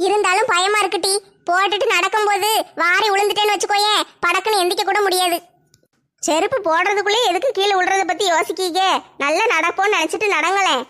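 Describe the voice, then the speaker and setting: Very high, bright-voiced woman in a village comedy skit. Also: steady tone, fast. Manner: bickering, dramatic wailing. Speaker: skit performer voicing village women.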